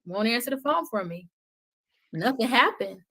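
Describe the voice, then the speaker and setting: A woman's voice: a little high, lively intonation, moderate pace, gravelly, bright, forceful tone, husky. A woman guest on a podcast, talking with emphatic, sermon-like repetition about love and healing. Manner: emphatic, preaching cadence, repeats phrases for weight. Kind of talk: impassioned conversational testimony.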